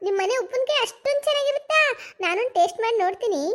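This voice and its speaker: A scheming young daughter-in-law, voiced by a woman in a cartoon comedy, her voice pitched very high and squeaky. She fusses and coaxes with mock sweetness, slipping in English catchphrases. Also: animated, very fast. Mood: sly scolding. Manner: fussy and coaxing, sprinkles English catchphrases.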